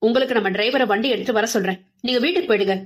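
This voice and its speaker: A woman's voice: fairly high pitch, brisk, natural voice. A woman voicing a grown son who speaks sharply and urgently to his mother, in a clipped, commanding way. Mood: steadying. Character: anxious, short-tempered grown son.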